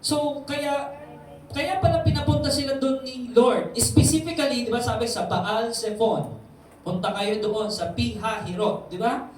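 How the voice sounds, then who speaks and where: A man preaches a sermon as a pastor in a church hall, speaking conversationally and frequently posing questions to the congregation. His voice is extremely high-pitched and somewhat dark in tone, delivered at a measured pace. The recording comes from a very echoey hall with a distant microphone and faint noise.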